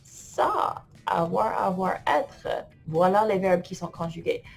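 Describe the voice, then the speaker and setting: Playful husky-voiced woman teaching French. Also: on the low side, slow pace, soft background music. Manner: playful, laughs often, talks to herself while typing. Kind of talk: online grammar lesson.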